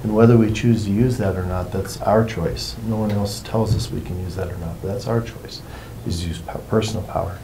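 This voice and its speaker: A man with a fairly low, very mellow and relaxed voice talks as a workshop facilitator. He explains informally and takes his time, wandering from point to point. There is some background noise in the room. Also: brisk, vocal fry, few pauses. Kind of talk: informal explanatory talk to a group.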